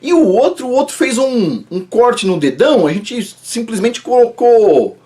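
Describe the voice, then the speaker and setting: A man quoting a calm, reassuring male doctor on the phone. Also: very high voice, unhurried, voice pushed up, heavily acted.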